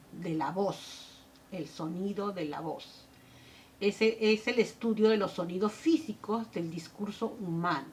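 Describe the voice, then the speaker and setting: A woman giving a lecture at a middle pitch, laying out ideas step by step. She poses questions and then answers them herself. Her talk is full of small tag questions and fillers. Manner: explanatory, asks and answers her own questions. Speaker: teacher. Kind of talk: lecture on language development.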